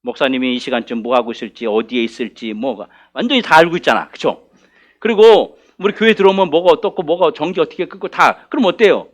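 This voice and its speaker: Animated high-voiced Korean pastor. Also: male voice, fast talker. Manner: conversational, asks the congregation questions. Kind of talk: afternoon Bible study sermon. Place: church.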